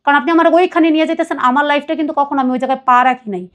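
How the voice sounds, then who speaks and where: High-voiced woman telling a painful story. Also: fairly even intonation, rapid-fire. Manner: earnest, pleading, quotes others at length. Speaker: guest telling her life story. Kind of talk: emotional personal confession.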